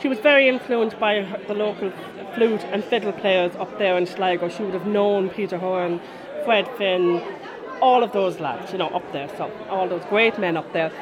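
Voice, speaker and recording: A woman's voice: mid-range voice, moderate pace. A woman in her forties with a west of Ireland accent, chatting and rambling through stories in a casual interview. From Connemara, west of Ireland. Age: 40s. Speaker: interviewee, folk musician. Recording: busy crowd murmur behind. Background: crowd after a concert.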